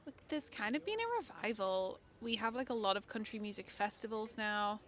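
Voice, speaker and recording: Young English woman interviewee, crisp and sharp tone, chatty street-talk delivery. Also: medium pitch, animated, fairly quick. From northeast England. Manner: chatty, laughing, lots of "like". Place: city street outdoors.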